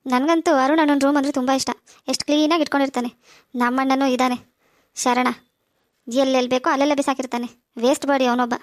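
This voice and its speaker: A bossy, sassy teenage girl from a cartoon, voiced by a woman fires off her lines quickly in a high voice. The sound is dry and close. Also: fairly even intonation, dry recording, close to an everyday voice. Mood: chatty. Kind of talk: cartoon voice acting.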